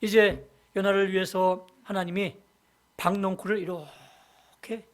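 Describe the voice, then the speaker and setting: A senior pastor preaching a Sunday sermon in a church, retelling a Bible story and swinging between loud emphasis and hushed asides. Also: mid-range voice, fairly even intonation, a little slow. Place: church sanctuary.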